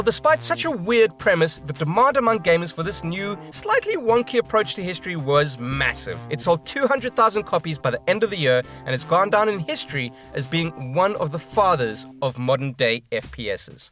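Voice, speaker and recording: A man's voice: fairly high pitch, sing-song, a little fast, few pauses, a bit bright, faint music behind. A man co-hosting a gaming video, reading a script with jokey, sweary asides. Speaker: co-host. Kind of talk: scripted banter with co-hosts.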